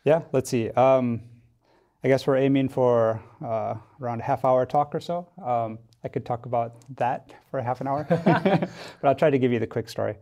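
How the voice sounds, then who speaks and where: An American man from Wisconsin, a tech company founder, appears as a podcast guest in a studio for a casual interview. His medium-pitched, mellow voice moves at a moderate pace as he explains things thoughtfully, with a hesitant delivery.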